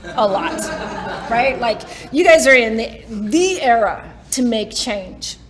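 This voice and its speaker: A woman's voice: on the high side, a little hiss or hum. A woman in her forties giving a motivational talk to a live audience, chatty and self-mocking, often laughing between lines. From Canada. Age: 40s. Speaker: keynote speaker. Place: summit stage in front of an audience.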